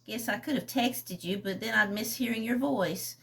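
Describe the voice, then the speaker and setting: A woman's voice: on the high side, moderate pace, gravelly, fairly bright tone. A woman reading a novel aloud, voicing a playful, slightly tipsy young woman who sounds buoyant and teasing.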